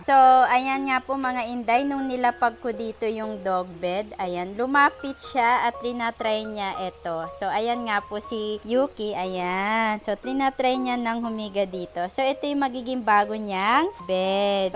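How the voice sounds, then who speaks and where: A woman's voice: a little high, a bit bright. A young Filipino woman in casual vlog chat at home, cooing baby talk to her dog. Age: young adult. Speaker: vlogger. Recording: faint background music.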